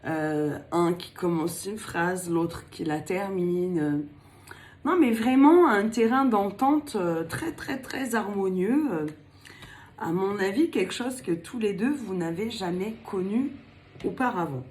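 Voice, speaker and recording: Reading tarot cards for the camera, this older woman speaks slowly in a medium-pitched, slightly mellow voice that's animated and chatty. She jokes around, laughs a lot and drifts into a fake accent now and then, with a little hiss or hum in the background.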